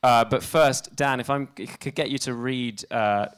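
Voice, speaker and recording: A man hosting a live screening event and introducing films, speaking in a measured way with light hesitations. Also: mid-range voice, a bit bright, clear, resonant tone. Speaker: event host.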